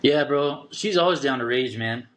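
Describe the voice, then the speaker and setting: Regular-voiced dude chatting easy on a podcast, lots of slang. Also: male voice, mid-range voice, normal speed. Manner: laid-back slang, "dude" and "man". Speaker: guest father. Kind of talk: casual interview chat.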